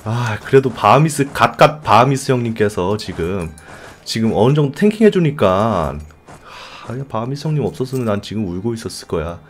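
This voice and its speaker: A man commentating his own strategy game, pleading and shouting at his allies and muttering curses under his breath. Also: on the low side, big pitch swings, moderate pace. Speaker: game streamer. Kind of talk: gaming commentary.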